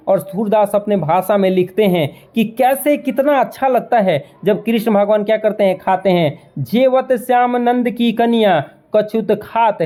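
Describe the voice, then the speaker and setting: A man's voice: high voice, a little mellow. A young man teaching a class, explaining verses to exam students, asking questions and answering them himself. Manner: repeats key lines in slow recitation.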